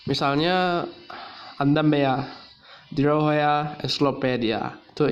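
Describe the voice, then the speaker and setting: A man teaching English in a relaxed video lesson, pausing often with fillers and restarting his sentences. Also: medium pitch, muffled recording. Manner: hesitant, many fillers and restarts. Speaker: English tutor.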